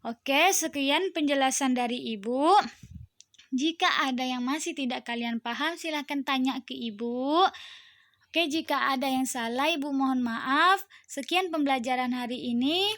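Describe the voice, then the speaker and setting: A young woman teacher explaining Quran recitation rules to her pupils, patient and chatty, drawing out the verses slowly when she recites them. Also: high voice, a bit bright, no echo. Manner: explains patiently, with checking questions; slow, drawn-out chanting of Quran verses. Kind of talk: recorded online lesson.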